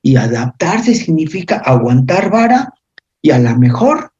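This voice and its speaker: A man's voice: a little high, sing-song, measured pace, a little mellow. A man giving a university physiology lecture, explaining step by step and often checking in with his students. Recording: dull lo-fi lecture recording.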